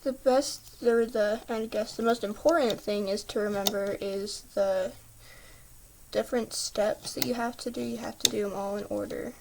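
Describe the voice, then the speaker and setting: A woman's voice: mid-range voice, steady tone, normal speed, vocal fry, noisy background. A woman patiently talking through a step-by-step craft tutorial, chatty, with small slips, apologies and a slightly throaty voice.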